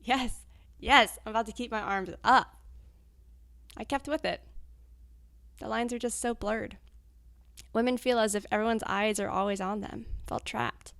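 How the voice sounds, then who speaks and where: Blunt, gravelly young woman, dry close sound. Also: on the high side, fairly even intonation, measured pace, pauses often, fairly bright tone, no room sound. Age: 20s. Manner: blunt, frank, swears freely. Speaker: anonymous interviewee. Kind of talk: candid recorded interview, cut into fragments.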